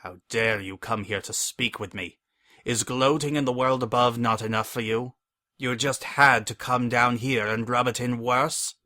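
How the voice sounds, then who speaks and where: A man's voice: lowish voice, unhurried, pushed and bright, dry recording, clean studio sound. A man voicing an ancient imprisoned monster, bitter and vengeful, in a hammy, theatrical dramatic story reading. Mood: furious, scornful. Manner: hammy, theatrical stage-actor delivery.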